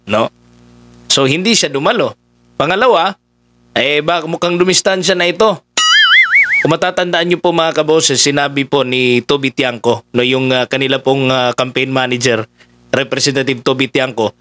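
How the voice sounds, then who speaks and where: A man giving casual political commentary, talking conversationally with many fillers as he addresses his listeners. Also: a little high.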